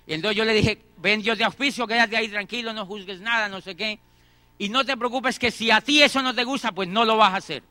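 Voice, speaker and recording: A middle-aged man delivers a motivational talk in a very high, piercingly bright voice. He acts out both sides of conversations and repeats phrases for emphasis. The sound is dry and close. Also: a little fast, no echo. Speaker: motivational speaker. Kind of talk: motivational talk with acted anecdotes.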